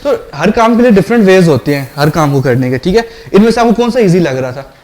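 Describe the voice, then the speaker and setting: High-voiced man teaching a programming class. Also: lively intonation, fast talker, darkish tone. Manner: explains step by step, asks the class questions and checks understanding. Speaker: programming lecturer. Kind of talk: classroom lecture.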